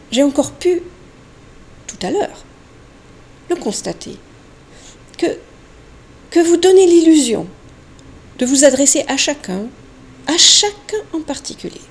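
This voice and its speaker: A woman giving a slow, deliberate sound poetry recitation, halting with long pauses and now and then dropping to a whisper. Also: sits high, a little hiss or hum. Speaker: poetry reader.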